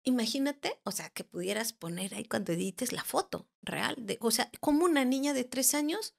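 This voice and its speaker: Creaky-voiced woman telling her story. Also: a little high, animated. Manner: halting, with many restarts and searching for words. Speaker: podcast guest, therapist. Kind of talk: recounting a personal paranormal experience.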